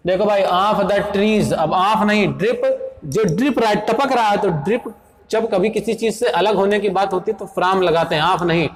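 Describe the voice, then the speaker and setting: A man teaching grammar for competitive exams, explaining in Hindi in a brisk, quizzing manner. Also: high-pitched. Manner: brisk, repeats "देखो भाई" and quizzes students; reads English sentences slowly, explains quickly in Hindi. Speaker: English teacher. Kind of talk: exam-prep grammar lesson.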